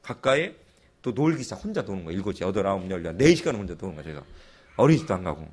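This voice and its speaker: A man preaching a sermon and telling a personal story in a lively way, with chuckling asides. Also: low-pitched, rapid-fire. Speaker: pastor.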